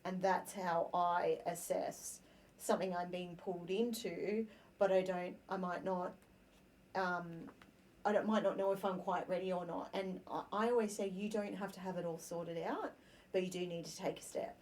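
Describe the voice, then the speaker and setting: A woman with a fairly low voice talks through ideas in a relaxed podcast conversation. She is lively and acts out snippets of her own thinking as little quoted scenes. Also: normal speed. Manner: animated, acts out quoted inner dialogue. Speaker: podcast host. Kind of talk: casual conversational chat.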